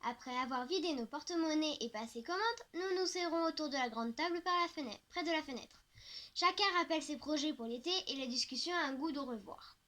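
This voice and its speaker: High-voiced woman reading a novel aloud. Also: fairly quick, sharp tone. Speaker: audiobook narrator. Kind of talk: first-person novel reading.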